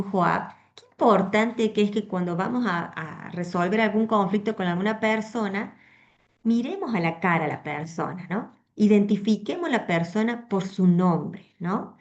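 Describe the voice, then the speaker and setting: Rioplatense lady preaching to a women's group, chatty and expressive, muffled lo-fi sound. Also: medium pitch. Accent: Rioplatense Spanish. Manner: conversational, frequent tag questions, expressive. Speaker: women's meeting speaker. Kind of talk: Bible teaching to a women's group.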